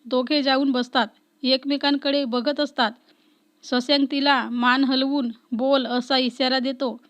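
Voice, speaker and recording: A woman reading a family love story aloud in a plain, even voice. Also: high-pitched, unhurried, dry recording. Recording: dull lo-fi recording.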